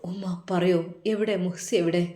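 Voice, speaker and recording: A woman's voice: medium pitch, normal speed, natural voice. A woman voicing a grieving young man who pleads tearfully to find his wife, with a Malappuram Malayalam accent, in a roomy echo. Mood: tearful, pleading. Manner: pleading, hushed.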